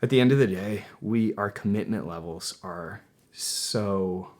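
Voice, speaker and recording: A man's voice: on the low side, unhurried. A young man in a casual interview, telling stories with many fillers and acting out what people said. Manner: animated storyteller, acts out quotes loudly; filler-heavy, many restarts. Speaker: podcast guest. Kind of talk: casual conversation.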